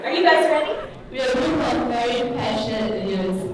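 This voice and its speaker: A woman's voice: on the high side, lively intonation, normal speed, a crowd in the background. A woman presenting a group project in an upbeat, storytelling way. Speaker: workshop participant presenting a project. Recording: echoey hall, distant mic, background noise.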